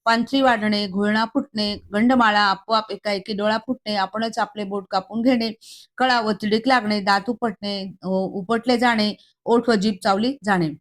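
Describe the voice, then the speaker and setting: A woman reads a devotional text aloud at an even, measured rate. Her voice sits in an ordinary middle register. She works through a long list with small slips and restarts. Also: medium pitch. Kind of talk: reading a Marathi scripture commentary aloud.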